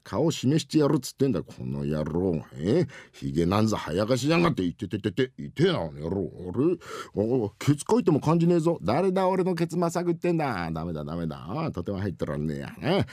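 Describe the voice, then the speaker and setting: A man playing a hasty, bumbling working-class husband with rough downtown Edo speech, as rakugo storytelling. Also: lowish voice, very animated, fairly quick, a little mellow, no echo, studio quality. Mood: boisterous. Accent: Edo Tokyo downtown speech. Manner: gruff, blustering, rough slang.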